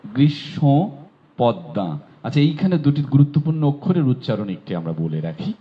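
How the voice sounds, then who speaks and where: A man teaching pronunciation who sounds out each word slowly and says it again and again. His pitch rises and falls in a lively way. The audio is dull and lo-fi. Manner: slow, drawn-out demonstration of sounds. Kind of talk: recitation pronunciation lesson.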